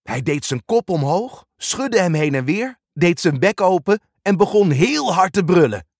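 A man reading a children's storybook aloud, expressive and animated. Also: high-pitched, unhurried, dry recording, clean studio sound. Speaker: narrator. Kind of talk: storybook narration.

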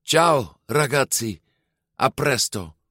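A man's voice: medium pitch, big pitch swings, unhurried, no echo, clean studio sound, voice pushed up. Een man die een uitbundig tienermeisje voorleest in een verhalenboek. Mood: eager. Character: excitable teenage girl, bold and bossy.

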